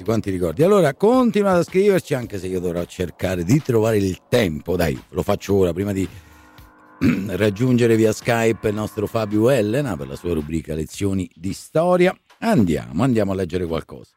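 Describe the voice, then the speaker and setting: Lively low-voiced male radio host. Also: normal speed, faint music behind. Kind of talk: conversational live radio hosting.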